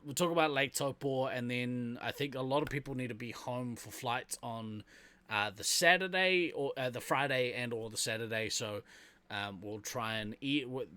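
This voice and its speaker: A man's voice: medium pitch, moderate pace, bright, forceful tone, no room sound. A man with a New Zealand accent co-hosting a podcast in casual, rambling chat, laughing often. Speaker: podcast co-host.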